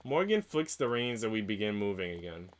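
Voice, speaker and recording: His lowish voice swings widely in pitch and moves fairly quickly as he live-streams a visual novel. He alternates between reading it aloud and casual, slangy chat sprinkled with mild swearing.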